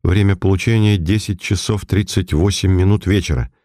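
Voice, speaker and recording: A man reading a period detective story aloud as an audiobook narrator, in an even, measured storytelling manner. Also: deep voice, dry recording, clean studio sound.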